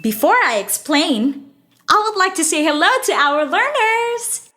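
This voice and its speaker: A woman's voice: very high voice, very animated, a little slow, very noisy, full character voice. A woman playing a knowledgeable, teasing young female friend who patiently explains science in an educational audio drama. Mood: patient, explanatory.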